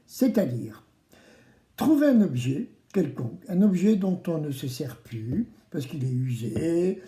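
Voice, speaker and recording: Children's DIY presenter: playful, theatrical, very lively intonation, soft-edged tone, addressing kids directly, recorded in an echoey room. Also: medium pitch. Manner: playful, theatrical, exclamatory, asks the children to answer. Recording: roomy, echoing indoor sound.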